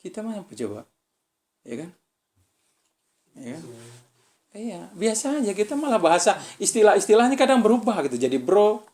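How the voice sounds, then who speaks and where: A man giving a relaxed religious study talk to students, speaking with an Indonesian accent and checking in with his listeners often. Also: sits high, normal speed, long pauses. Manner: conversational, keeps asking "ya kan?". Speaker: visiting preacher.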